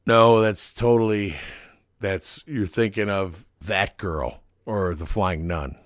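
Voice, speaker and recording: A man's voice: lowish voice, fairly even intonation, slow pace, dry recording, clean studio sound. A man in casual podcast chat, explaining things at length as co-host.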